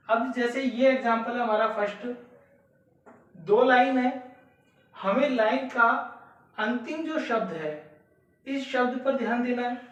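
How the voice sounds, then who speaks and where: A woman teaching an exam prep lesson, explaining step by step, repeating key words and asking rhetorical questions. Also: a little high. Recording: echoey room, voice far from the mic.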